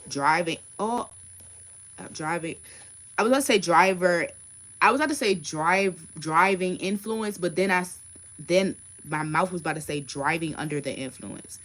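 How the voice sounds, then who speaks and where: A woman's voice: sits low, fairly bright tone. A woman in her thirties doing a casual tarot reading livestream, talking bluntly and emphatically with frequent swearing. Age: 30s. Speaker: tarot card reader.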